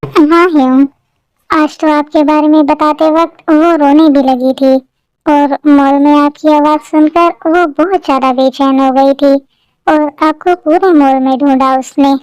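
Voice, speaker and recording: A woman's voice: high-pitched, steady tone, unhurried, darkish tone, dry recording, soft background music. A woman voicing a bold, outspoken young woman friend in a fan-made dubbed drama. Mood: urging. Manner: outspoken, pushy.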